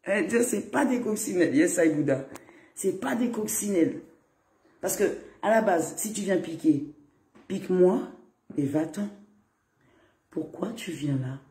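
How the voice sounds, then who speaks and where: A woman's voice: deep voice, dark tone. A woman hosting a live stream, chatting casually with her viewers and swearing now and then. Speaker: livestream host. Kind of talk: casual livestream commentary. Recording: roomy echo.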